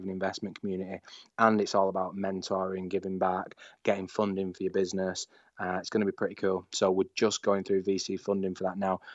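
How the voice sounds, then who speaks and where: Enthusiastic low-voiced man. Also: dry recording. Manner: enthusiastic, rambling, many restarts. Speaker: podcast guest, startup founder. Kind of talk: casual interview chat. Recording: dull lo-fi sound.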